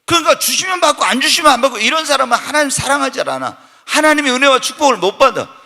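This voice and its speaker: A pastor preaching a Wednesday night church sermon, animated and full of rhetorical questions put to the congregation, sometimes bursting into loud shouted emphasis. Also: male voice, extremely high pitch, fast talker. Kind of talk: Korean evening church sermon. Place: church sanctuary during a Wednesday night service. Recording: long church-hall reverb.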